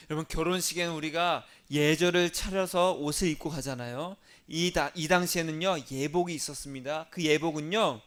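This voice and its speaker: A male pastor delivers a sermon in a voice pitched a little above the usual for a man. He teaches by asking questions and answering them himself, and he has the listeners repeat short lines after him. His delivery moves between stressed, louder phrases and quiet asides. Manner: swings between loud stressed phrases and soft low asides.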